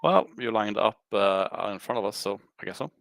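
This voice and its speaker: A man's voice: on the low side, animated, moderate pace, vocal fry, a bit bright, no echo. A man giving terse radio checks as a tank section commander in a military sim game, heard over game radio with bursts of static. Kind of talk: clipped radio voice procedure.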